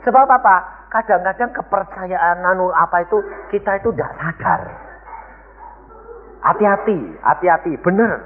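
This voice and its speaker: A man's voice: high-pitched, lively intonation, normal speed, slight background noise. Emphatic male pastor preaching in a hall. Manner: emphatic, rhetorical questions to the congregation. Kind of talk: sermon. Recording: echoey hall, thin phone-like sound.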